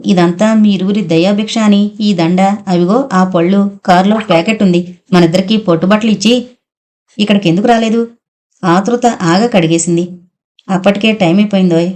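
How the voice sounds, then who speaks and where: A woman's voice: medium pitch, darkish tone. A woman reading a full-length novel aloud as an audiobook, narrating and voicing the dialogue herself. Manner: storytelling narration that shifts tone for dialogue. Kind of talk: narrating a novel, reading all the characters' lines.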